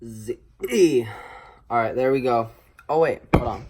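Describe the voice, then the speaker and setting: A man's voice: mid-range voice, a little fast. A young man chatting casually as an online video creator, rambling and repeating his phrases. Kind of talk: casual vlog chat.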